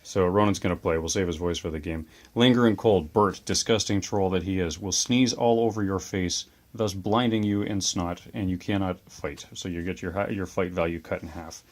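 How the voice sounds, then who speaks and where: This tabletop wargame host speaks in a low-pitched voice with fairly even intonation. His talk about models, dice and rules is chatty and enthusiastic, peppered with quick asides.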